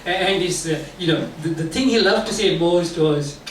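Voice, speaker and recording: An older man from Sri Lanka telling a self-mocking comic story to an audience, jumping into high squeaks when he acts out his own panic. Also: normal speed, fairly bright tone, echoey room, far from the mic, slight background noise, poor audio. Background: audience laughter and room ambience.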